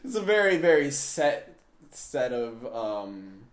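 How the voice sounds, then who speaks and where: A woman's voice: rumbling low, very animated, takes it slowly. A woman co-hosting a podcast in casual chat, giggling and jumping between thoughts. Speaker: podcast co-host. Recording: echoey room.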